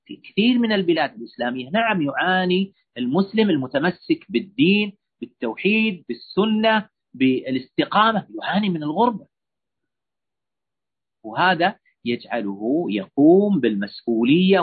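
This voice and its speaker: A man's voice: on the high side, very animated, a little fast. A man giving a religious lecture on parenting, answering listeners' questions in an earnest, admonishing way with lots of repetition. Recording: husky voice over a tinny phone-like line.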